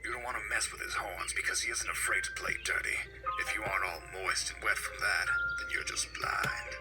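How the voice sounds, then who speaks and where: Deep-voiced guy, breathy seductive whisper, deadpan parody narrator, music bed loud. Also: brisk. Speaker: video narrator. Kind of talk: mock-seductive whispered countdown. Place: home. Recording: voice-over with loud music behind.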